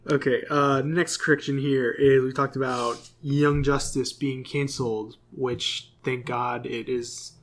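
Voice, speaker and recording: A man's voice: mid-range voice, steady tone, a little slow, few pauses. A man co-hosting a podcast, casually reading through corrections with plenty of fillers. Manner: reads corrections from notes, many fillers. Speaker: podcast co-host. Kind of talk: casual chat.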